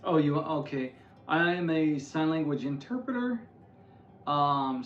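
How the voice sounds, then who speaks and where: A man in his forties from the United States chatting casually with his wife, relaxed and thoughtful, with filler pauses. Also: mid-range voice, roomy sound, lo-fi sound. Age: 40s. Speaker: co-host. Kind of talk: casual chat.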